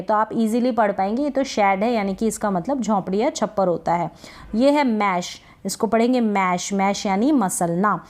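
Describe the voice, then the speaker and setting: Hindi-accented woman teaching slow phonics. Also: a little high, a little mellow. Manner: drawn-out word repetition, quizzing questions. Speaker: English teacher.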